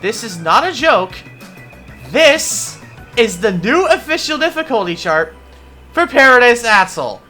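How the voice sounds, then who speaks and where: A woman's voice: on the high side, big pitch swings, measured pace, pushed and bright, faint music behind. A woman giving casual commentary in a gaming vlog, amused and sarcastic, often close to laughing. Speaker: gaming video creator.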